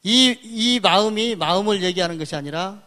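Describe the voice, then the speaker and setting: A man's voice: high-pitched, moderate pace, bright, forceful tone. A man giving a public lecture, explaining characters step by step and pointing at them as he talks, often asking and then answering his own questions.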